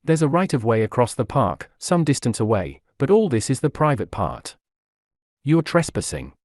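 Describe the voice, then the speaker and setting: A man voicing a cool-headed young gentleman who speaks with dry, wry humour. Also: mid-range voice, big pitch swings, normal speed, no echo.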